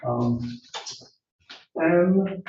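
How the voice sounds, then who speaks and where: A man's voice: fairly high pitch, expressive, very slow, far from the mic, dull audio, slight background noise. Male prosecutor on an echoey courtroom recording. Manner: formal, businesslike, stumbles over a name. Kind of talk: courtroom questioning.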